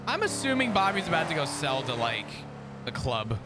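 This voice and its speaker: A man streaming a roleplay game, talking casually in a deliberately flat, bland monotone. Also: a little high, over loud music.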